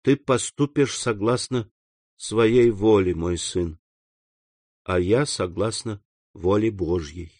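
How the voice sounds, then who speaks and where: A man reading the part of a sorrowful middle-aged mother who speaks softly and sighs. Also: on the low side, slow pace, no room sound, studio quality. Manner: soft, quiet, sighing.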